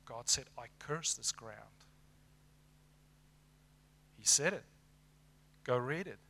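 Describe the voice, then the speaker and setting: A middle-aged man preaching a sermon with passion, swinging from loud to hushed as he acts out prayers. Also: mid-range voice, lively intonation, slow, vocal fry. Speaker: pastor.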